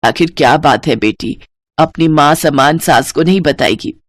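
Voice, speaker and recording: A woman's voice: deep voice, animated, normal speed, slightly rough, no echo, studio quality. A woman voicing a kind older mother-in-law in a Hindi horror storybook, speaking in a soothing, motherly way. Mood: tender.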